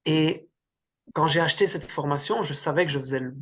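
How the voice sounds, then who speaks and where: Man from Belgium, middle-aged, coach in an interview, halting restarts, slightly high pitch. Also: breathy edge. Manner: hesitant, many restarts and fillers. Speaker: coach and speaker, interview guest. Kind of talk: casual interview talk.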